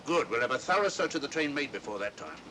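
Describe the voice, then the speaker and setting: An actor playing an officious, sceptical police inspector who questions everything, in 1940s mystery film style. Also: male voice, animated, fast, sharp tone. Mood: puzzled, businesslike. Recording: noisy old film soundtrack, train rumble.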